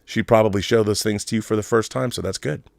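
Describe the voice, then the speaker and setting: This livestream host talks fast in a lowish, gravelly voice with fairly even intonation, casually reading out comments and articles. He uses conversational asides and repeats phrases for emphasis. The sound is clean studio audio with no echo.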